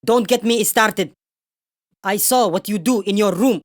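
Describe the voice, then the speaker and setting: Bossy, excuse-making relative in a comedy skit played by a woman, Somali accent, mid pitch, dry sound. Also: measured pace, no echo, close to an everyday voice. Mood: bossy, scolding. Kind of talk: comedy skit dialogue in mixed Somali and English.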